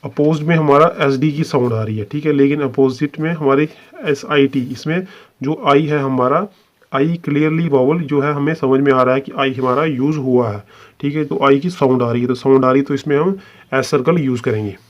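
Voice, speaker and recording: A man's voice: mid-range voice, normal speed, highs cut off. A man teaching a shorthand lesson, explaining step by step and mixing English terms into his Hindi. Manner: explains step by step, repeats "ठीक है" often. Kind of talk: online lesson.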